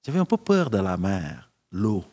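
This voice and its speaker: A man, a guest telling stories in a relaxed, joking way with pauses and fillers. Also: low voice, long reverb tail. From Senegal. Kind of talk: casual interview talk.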